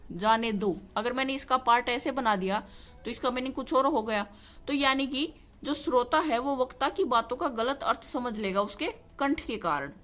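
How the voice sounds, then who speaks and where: A woman's voice: fairly high pitch, a bit bright. Woman teaching grammar, questioning her own points. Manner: explains by asking and answering her own questions, repeats "ठीक है". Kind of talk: classroom-style grammar lesson.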